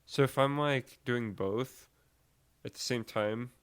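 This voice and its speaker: A man's voice: mid-range voice, slow pace, smooth. A young man co-hosting a podcast, chatting casually in a rambling way with lots of fillers and swearing. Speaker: podcast co-host. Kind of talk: casual chat.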